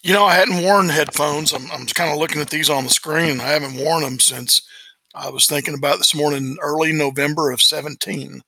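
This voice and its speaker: A man's voice: a little high, fairly even intonation, brisk, gravelly, sharp tone, breathy edge, dry recording, poor audio. A man in his late fifties, an interview guest and former coach, telling family stories in a casual, folksy, plain-spoken way. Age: late 50s. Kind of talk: casual storytelling.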